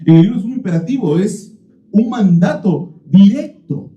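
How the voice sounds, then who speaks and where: A male pastor preaches an expository sermon with emphasis and repeats his key phrases. His voice sits a little high and sounds very warm and dark. The recording is roomy and a little dull, as in a church sanctuary. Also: animated, moderate pace.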